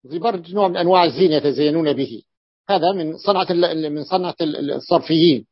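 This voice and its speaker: Husky-voiced man teaching a lesson. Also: on the high side, dry recording, lo-fi sound. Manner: explains slowly, repeats words, asks the class questions. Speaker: teacher of Arabic morphology. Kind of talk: classroom lesson.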